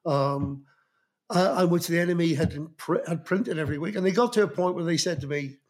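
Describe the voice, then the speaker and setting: With a brisk pace and a little high, slightly mellow tone, a Belfast man in his fifties, a guest magazine journalist, recalls getting into music journalism. His reflective interview talk is rambling and anecdotal, with frequent restarts, in a Northern Irish accent.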